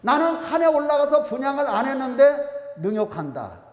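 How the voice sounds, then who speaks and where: A man's voice: very high-pitched, sing-song, moderate pace, reverberant, in a large hall. A male pastor preaching a sermon with emphasis, often asking the congregation questions. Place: church sanctuary.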